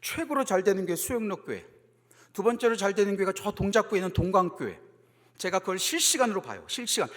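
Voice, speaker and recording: High-voiced Korean pastor preaching in a reverberant hall. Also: male voice. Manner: swings from soft, low talk to loud, high-pitched exhortation; acts out mocking voices in storytelling. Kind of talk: Friday prayer meeting sermon. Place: church sanctuary.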